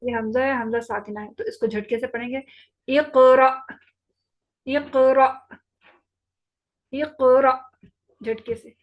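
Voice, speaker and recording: A woman with a voice on the high side and little pitch movement leads an online Quran recitation lesson. She goes over each rule slowly and patiently, making sure students understand. The audio sounds dull.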